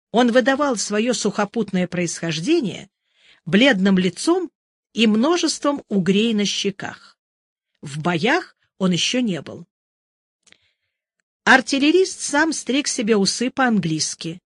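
A narrator reads prose in a measured, even way, as if recording an audiobook. The sound is dry and close, with no room around it, and the pitch sits in a middle register. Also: no echo. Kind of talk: scripted literary narration.

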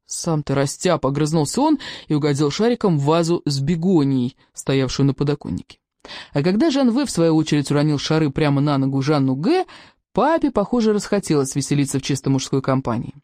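A reader narrating a children's book in a lively storytelling manner. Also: mid-range voice, a little fast, dry recording, studio quality. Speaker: audiobook reader.

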